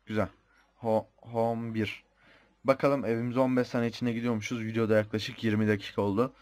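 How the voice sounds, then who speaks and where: A man's voice: medium pitch, little pitch movement, very fast, a little mellow. A young man with a Turkish accent giving casual commentary on his own gameplay, chatty and thinking aloud, muttering the odd mild swear. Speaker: gamer.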